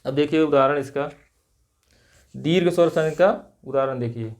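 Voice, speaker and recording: A man with a high-pitched voice teaches grammar in a classroom lecture. He drills each rule step by step and repeats it. He keeps asking the class whether they follow. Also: normal speed, darkish tone. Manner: checks understanding constantly, tag questions like "right?"; repetitive, drilling rules step by step. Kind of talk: classroom lecture with call-and-response.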